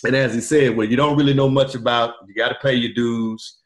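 A middle-aged man, a podcast guest, telling his story in a relaxed, rambling way with many fillers over a video call. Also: mid-range voice, brisk. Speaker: podcast guest, truck driver turned wholesaler. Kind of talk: casual storytelling interview. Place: indoor room, video call. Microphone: webcam on video call.

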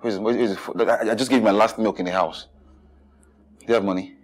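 A man's voice: on the low side, steady tone, quick pace, close to an everyday voice. An actor with a Nigerian accent playing an exasperated, broke young man in a film drama, blunt and sweary. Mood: weary, exasperated. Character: exasperated, broke young man scolding his smoking companion. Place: small indoor room.

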